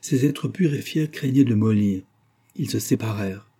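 Male audiobook narrator, husky, mellow dark tone, measured storytelling. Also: on the low side. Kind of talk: audiobook reading of a classic novel.

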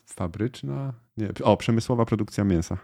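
Podcast co-host, man, low voice, casual explainer. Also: moderate pace, gravelly, mellow. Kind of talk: casual chat.

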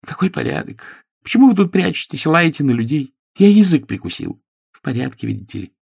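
A man's voice: on the low side, big pitch swings, a little slow, gravelly, husky, pitched above the performer's own voice, heavily acted. Man doing a grumbling indignant old lord. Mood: irritable. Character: grumpy elderly lord, indignant host.

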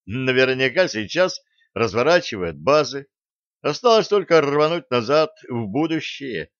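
A brash, bold space captain , as a male reader voices him, pushing his lines with lively, decisive energy. The voice sits a touch above the reader's own, dry and a little muffled. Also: medium pitch, a little slow, no echo. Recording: dull lo-fi dry recording.

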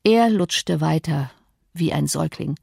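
A woman narrating a classic novel as an audiobook in a measured literary reading. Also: sits low, vocal fry, a little mellow, husky, no room sound, studio quality. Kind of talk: scripted narration.

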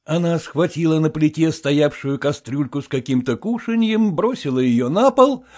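A man narrates a classic story with dramatic expression. His voice is high and highly animated. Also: normal speed. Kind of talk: literary audiobook reading.

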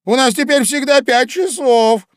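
A man voicing the Hatter as a manic, excitable grown man who talks high and loud in a storybook reading. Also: a little slow, clear, resonant tone, no echo, clean studio sound.

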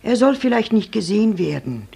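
A soft-spoken young lover, soothing and gentle, 1950s radio play. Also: male voice, high-pitched, sing-song, fairly quick, vocal fry, husky, full character voice.

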